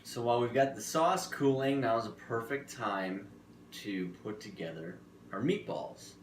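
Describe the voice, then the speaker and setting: A man's voice: medium pitch, unhurried, background noise. A man co-hosting a cooking show in a kitchen, talking through a recipe in casual chat with dry, teasing banter. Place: kitchen studio. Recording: echoey kitchen room.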